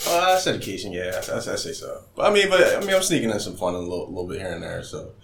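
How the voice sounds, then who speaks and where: A man co-hosting a casual chat, talking in a relaxed, rambling way full of filler phrases. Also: low voice, very fast, creaky, roomy sound, noisy background.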